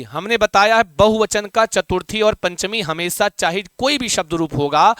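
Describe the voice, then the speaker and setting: Male teacher, chatty, repeats key points and quizzes the class; smooth, clear voice. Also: high-pitched, sharp tone, no echo, clean studio sound. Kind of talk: live online class.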